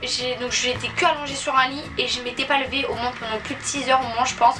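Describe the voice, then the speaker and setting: A young woman with a high voice tells a personal story like a casual vlogger. She is chatty and informal, slipping into little re-enacted exchanges. The mic sits at a distance, and music plays clearly behind her. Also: fairly even intonation, fast talker. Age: young adult.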